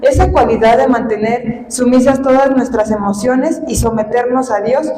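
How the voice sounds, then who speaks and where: A woman's voice: a little high, fairly even intonation, normal speed, mellow. A woman teaching a church Bible class who explains each point, repeats herself and checks that her listeners follow. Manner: spells out words letter by letter. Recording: echoey hall.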